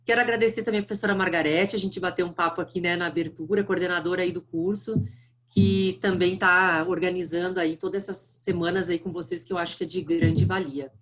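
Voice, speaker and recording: Speaking as a guest in an online lecture via video call, a middle-aged woman with a strong southern Brazilian accent keeps things friendly and chatty. Her voice is fairly low, with fairly even intonation and a slightly fast pace.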